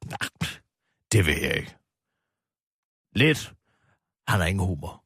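A vain older woman TV host, fond of drink and easily slighted, as a man plays her in a radio comedy sketch. She rambles on in a petulant, indignant tone, her pitch swinging widely before dropping into a low grumble. The recording is close and dry. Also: big pitch swings, creaky, fairly bright tone, breathy edge, no room sound, full character voice. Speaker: radio show regular.

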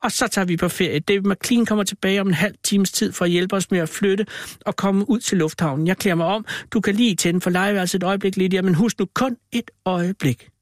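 A man voicing a weary, frightened middle-aged father who turns to panicked shouting. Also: sits high, no room sound, clean studio sound, voice pushed up, close to an everyday voice. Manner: exasperated, then panicked shouting.

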